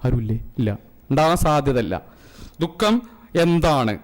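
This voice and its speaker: A man's voice: mid-range voice, expressive, a little slow. A man with a Malayali accent teaching an emotional intelligence class, questioning the audience and joking. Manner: asks the audience questions and jokes. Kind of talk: interactive classroom lecture. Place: community centre classroom.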